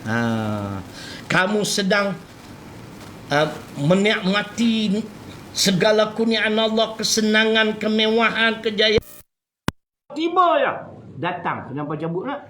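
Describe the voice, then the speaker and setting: Animated high-voiced Malaysian preacher. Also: male voice, takes it slowly, reverberant, a little hiss or hum, poor audio. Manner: animated, jokey, switches between loud and soft. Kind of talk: lively religious lecture with humor.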